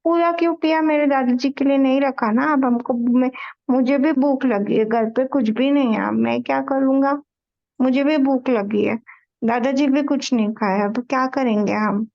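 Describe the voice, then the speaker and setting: A woman's voice: high-pitched, fairly even intonation, normal speed, creaky, lo-fi sound. A woman voicing a small, innocent boy in a spiritual story, speaking in childish lisping baby talk. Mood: tearful.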